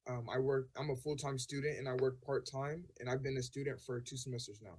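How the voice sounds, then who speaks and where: A man aged eighteen, a student, introducing himself quickly and a little hesitantly. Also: medium pitch, fairly even intonation, darkish tone. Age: teens.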